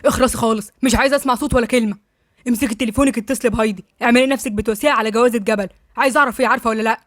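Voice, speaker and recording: A woman's voice: on the high side, fairly even intonation, rapid-fire, a bit bright, dry recording, natural voice. A scheming Egyptian young man snaps out bossy, mocking orders at speed, as a woman reader puts him on. The voice is close and dry. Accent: Egyptian Arabic.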